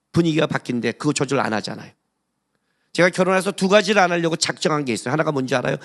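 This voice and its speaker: Male pastor, sermon: high bright voice, very animated delivery, blunt and colloquial, keeps quizzing the congregation. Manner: emphatic, rhetorical questions to the congregation. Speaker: senior pastor. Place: church service.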